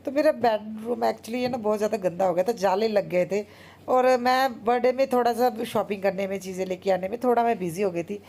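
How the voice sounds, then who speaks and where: A woman in her thirties, a homemaker vlogger, chatting casually and very fast with many fillers. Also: mid-range voice, darkish tone. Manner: talks very fast. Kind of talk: casual vlog narration.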